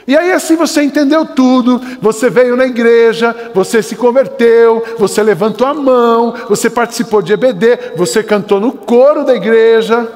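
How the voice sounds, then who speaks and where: An older Brazilian Portuguese pastor preaches with fervor, his unusually high voice climbing into shouts before falling to urgent, quieter pleading. The sound carries a long reverb from the church hall around him. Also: moderate pace, hardly any pauses. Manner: impassioned, swings between shouting and lowered urgent tones. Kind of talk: sermon. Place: church sanctuary.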